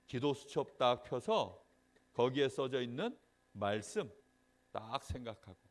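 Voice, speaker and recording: A man giving a sermon to a children's Sunday school class, asking the children questions and checking that they follow. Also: mid-range voice. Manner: lively storyteller, acts out little scenes.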